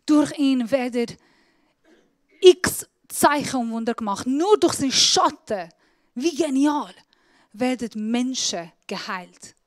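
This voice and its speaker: A woman pastor preaching a sermon in a lively, emphatic way, with casual slang and slightly broken grammar. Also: a little high, takes it slowly, no echo.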